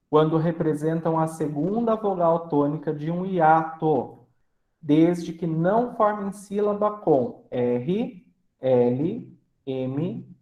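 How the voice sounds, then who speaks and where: A man teaching a grammar lesson, explaining slowly and splitting words into syllables, often checking in with the class. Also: a little high, reverberant, highs cut off. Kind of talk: grammar lecture.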